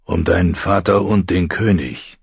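A gruff old commander barks his orders in a low growl, as a male audiobook reader puts him on. The voice is deep and husky. The recording is dry and a little dull. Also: fairly even intonation, a little slow, dry recording, full character voice. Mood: grave. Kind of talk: audiobook reading.

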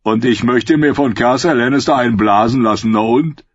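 A man's voice: medium pitch, moderate pace, breathy edge, no echo, dull audio, voice pushed up. A man reading a story aloud, voicing a crude man who jeers in scorn. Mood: jeering. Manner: mocking, vulgar.

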